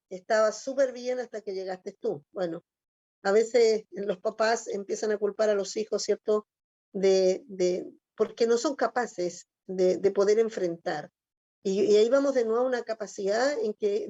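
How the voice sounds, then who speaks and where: Chilean woman pastor, host, mellow fairly high voice, slightly dull sound. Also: dry recording. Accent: Chilean Spanish. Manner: hesitant, many restarts, greets viewers. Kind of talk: church talk show hosting.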